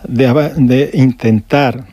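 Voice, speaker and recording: An older man from Galicia, a guest shop owner telling his story slowly on a radio interview, with pauses and restarts. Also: medium pitch, steady tone, dark tone, dry recording. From Galicia, Spain. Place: radio studio.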